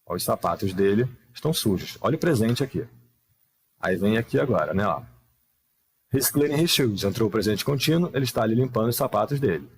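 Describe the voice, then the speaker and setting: This man, fairly low-pitched with lively intonation and a breathy edge, gives a live online English grammar lesson. His explanations are patient and full of rhetorical questions, and he takes the English examples slowly and carefully.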